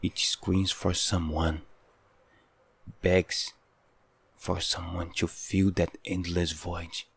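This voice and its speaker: A man's voice: sits low, little pitch movement, slow, creaky, pauses often, fairly bright tone, breathy edge, heavily acted. A man playing an obsessive, hot-headed, possessive yandere lover with intense, pleading devotion in a dramatic audio role-play. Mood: intense, pained.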